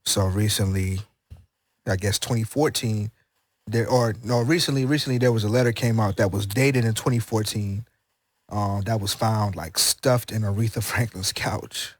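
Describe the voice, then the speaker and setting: A man's voice: on the low side, fairly even intonation, normal speed, no room sound, studio quality. A man co-hosting a casual podcast, talking in a loose, rambling, slangy way with many restarts. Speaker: podcast co-host.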